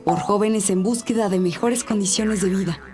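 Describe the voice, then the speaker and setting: A woman giving a scripted, even and informative narration. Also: medium pitch, moderate pace, faint music behind.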